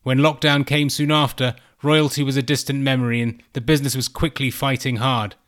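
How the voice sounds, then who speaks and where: A man's voice: mid-range voice, level tone, fairly bright tone. Man narrating a podcast script. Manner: measured, read-aloud delivery. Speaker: podcast host.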